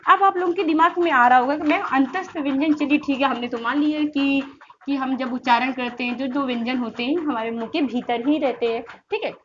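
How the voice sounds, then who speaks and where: Woman teacher, high voice, sounds out syllables in drills, lo-fi sound. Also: fairly quick. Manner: repeats questions and answers them herself, drills sounds aloud. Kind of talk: online grammar lesson for exam students. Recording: slightly dull lo-fi sound with faint noise.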